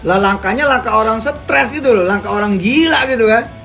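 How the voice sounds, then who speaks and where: A man's voice: sits high, a little fast, gravelly, soft background music. A middle-aged man with a nasal voice, preaching in a casual, joking way and asking the audience questions. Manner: lively, jokey, asks the audience questions. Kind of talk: casual Islamic teaching talk.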